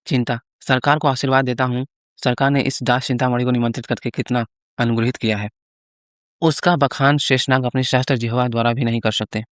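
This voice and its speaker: A gluttonous rival priest, as a man telling the story puts him on, sulky and boastful as he trades brags. The voice is clear and resonant, recorded close with no room sound. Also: medium pitch, fairly even intonation, a little fast, dry recording, close to an everyday voice. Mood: smug.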